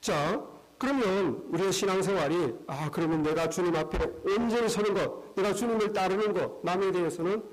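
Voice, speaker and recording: Male pastor, high-pitched voice, preaching an animated sermon in a church. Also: normal speed, poor audio. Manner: animated, acts out dialogue. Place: church sanctuary.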